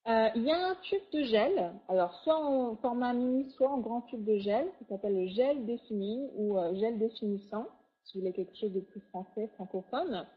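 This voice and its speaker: A woman with a fairly high voice gives an eager sales pitch over a slideshow, piling on superlatives. The audio is thin and tinny, as if over a phone line. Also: animated, normal speed. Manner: enthusiastic, heavy on superlatives. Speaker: product presenter.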